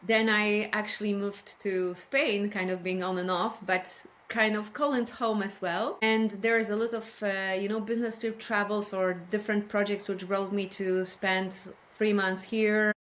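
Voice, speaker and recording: Lady on a podcast, talks slow and careful, lots of uh's. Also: medium pitch, fairly even intonation, fairly bright tone. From Poland. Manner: careful, measured, with many fillers. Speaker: podcast guest, healthcare innovation expert. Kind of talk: casual interview talk.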